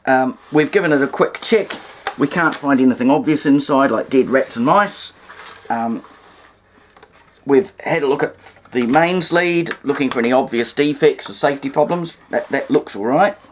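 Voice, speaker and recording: A medium-pitched voice at a moderate pace, with a little hiss or hum in the audio, belongs to a New Zealand-accented presenter demonstrating vintage radio repair. Seated at a table indoors, he talks unscripted and hands-on, hesitantly thinking aloud and carefully laying out details.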